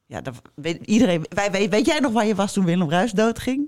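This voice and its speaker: Woman, 50s, podcast host, chatty, lively interviewer. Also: mid-range voice, brisk. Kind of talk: casual chat.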